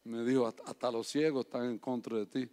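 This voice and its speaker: A man preaching a sermon, moving between quiet personal stories and loud, impassioned appeals. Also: mid-range voice, little pitch movement, a little fast. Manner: swings from soft storytelling to loud impassioned preaching.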